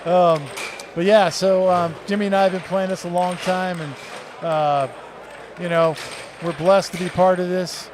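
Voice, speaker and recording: High-voiced upbeat male commentator. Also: level tone. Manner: upbeat, quick affirmations, repeats words. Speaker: air hockey commentator. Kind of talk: live play-by-play commentary. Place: tournament venue. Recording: noisy venue audio.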